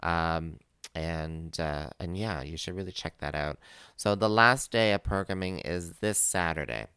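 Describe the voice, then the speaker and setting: A man's voice: low voice, a little slow, sharp tone, clear, resonant tone, dry recording, clean studio sound. A man hosting a live community radio show, chatting casually with plenty of fillers and easy laughter. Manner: rambling, many fillers, laughs easily.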